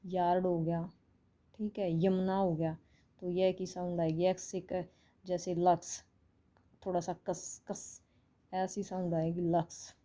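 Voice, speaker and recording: Woman teacher, Indian accent, slow patient phonics lesson, low mellow voice. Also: flat delivery. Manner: slow, patient explaining, repeating sounds.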